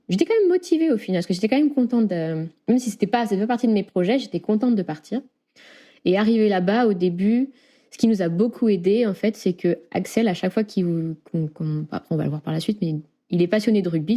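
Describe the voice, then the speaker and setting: A young woman from the Lyon area of France is a guest in a relaxed interview. She talks fast in a warm, mid-range voice, laughing often and filling her speech with fillers.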